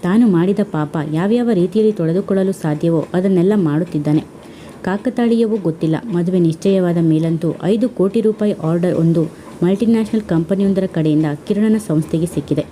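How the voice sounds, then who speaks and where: Low, mellow-voiced woman storyteller. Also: a little fast, slight background noise. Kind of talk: scripted narration.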